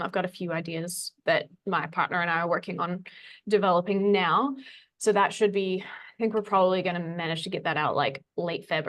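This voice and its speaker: A woman with a fairly low-pitched, slightly bright voice chats casually as a podcast guest. A fitness coach, she is informal and self-deprecating, phrasing things loosely in conversational talk.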